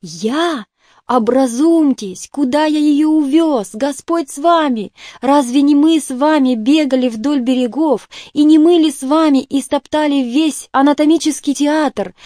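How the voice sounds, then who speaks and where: A woman's voice: sits high, a little slow, mellow, no room sound, clean studio sound, voice pushed up. A woman reading an audiobook, voicing a bitter, self-pitying male doctor who groans and breaks into agitated outbursts.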